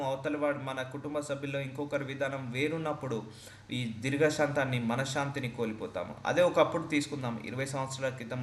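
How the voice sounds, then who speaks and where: A man's voice: mid-range voice, a bit bright, roomy sound, slight background noise. Earnest Telugu-speaking preacher man. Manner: earnest preaching, repeats phrases for emphasis. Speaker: pastor. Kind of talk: sermon.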